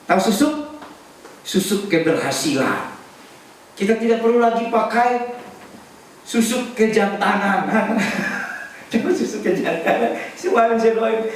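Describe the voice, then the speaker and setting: Man preaching, lively and humorous, high-pitched, heard from afar in a booming hall with faint noise. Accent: Indonesian. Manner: animated preaching with jokes and congregation call-and-response. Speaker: pastor. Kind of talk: sermon. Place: large church hall. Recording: echoey church hall, distant mic.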